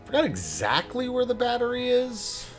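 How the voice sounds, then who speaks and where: A man's voice: extremely high pitch, huge pitch swings, moderate pace, faint music behind. A man streaming a video game, thinking aloud about his plans, swearing freely and laughing at the game. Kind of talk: casual live game commentary.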